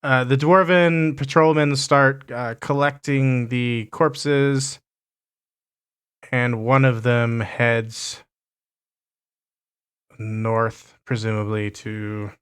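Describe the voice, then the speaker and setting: A man narrating as game master, unhurried and often stumbling over his words. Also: mid-range voice, steady tone, a bit bright, clear, resonant tone.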